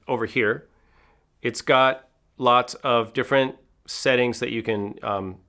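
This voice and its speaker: A man's voice: medium pitch, a bit bright. A man teaching a drum lesson in a casual, explanatory way, thinking aloud with fillers. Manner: speaks rhythms aloud in syllables between explanations.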